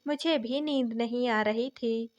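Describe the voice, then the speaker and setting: A woman's voice: a little high, measured pace, a little mellow, lightly acted. A woman voicing a kindly, affectionate older father-in-law in a story reading, speaking in a soothing, fatherly way.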